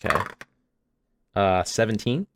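Male player at the table, halting and casual; low voice, dry sound. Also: lively intonation, no room sound. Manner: casual, hesitant, filler-heavy. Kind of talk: playing a tabletop game.

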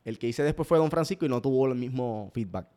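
A man speaking as a guest in a casual conversation. He talks at a rapid clip and tells his stories with animated energy, often restarting his sentences in quick bursts. His pitch sits in a middle range. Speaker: guest, parody video creator.

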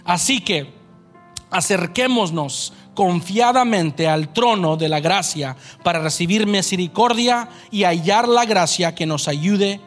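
A man's voice: on the high side, fairly bright tone. A male pastor preaching a sermon in a church, emphatic and conversational, often checking in with the congregation. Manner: emphatic preaching with frequent "¿verdad?" asides. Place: church sanctuary.

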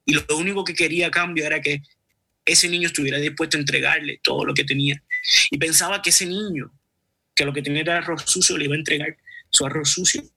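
Earnest faith talk, male guest, husky and forceful, slightly high voice. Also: fairly even intonation, fast. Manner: earnest, with many restarts. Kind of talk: religious conversation and storytelling.

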